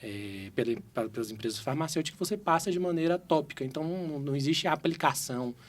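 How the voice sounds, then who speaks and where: A man's voice: fairly high pitch, fast. A man in his thirties from Salvador, a cardiologist guest, explaining carefully in an interview with frequent tag questions. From Salvador, Brazil. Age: 30s.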